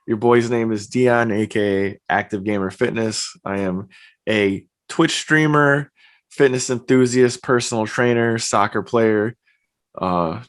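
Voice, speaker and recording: Young man, podcast guest, mid-pitched voice, relaxed and rambling. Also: a little slow. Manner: relaxed, chatty, uses lots of fillers like "like". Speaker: podcast guest, streamer and personal trainer. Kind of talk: casual interview chat. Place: home, evening.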